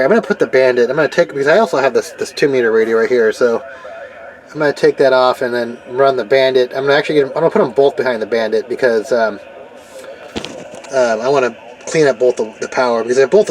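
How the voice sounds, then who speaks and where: In this poor-quality recording, a medium-pitched man works through car radio equipment for his hobby videos. His explanation is informal and hands-on, as if he's thinking out loud, with vehicle and ambient sounds clearly audible in the background.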